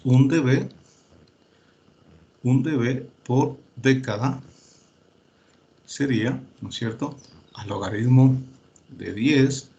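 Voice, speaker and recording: A man teaching a class, working through calculations step by step, often pausing with fillers and checking that his students follow. He tells them to verify the results themselves. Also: mid-range voice, darkish tone. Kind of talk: lecture.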